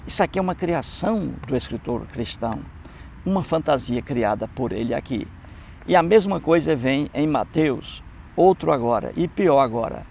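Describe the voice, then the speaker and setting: A man's voice: fairly high pitch, lively intonation, moderate pace, creaky, a little mellow, slight background noise. A Brazilian man giving scornful, mocking commentary on Bible passages, repeating phrases for emphasis. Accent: Brazilian Portuguese. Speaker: atheist commentator.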